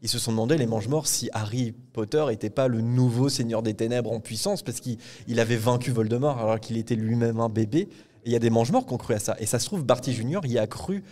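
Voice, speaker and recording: A man's voice: mid-range voice, fast, mellow. Man retelling a book chapter, hesitant. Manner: retells the chapter at length with frequent "euh" hesitations. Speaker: podcast host. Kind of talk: casual book discussion before a live audience. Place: live recording at a public event.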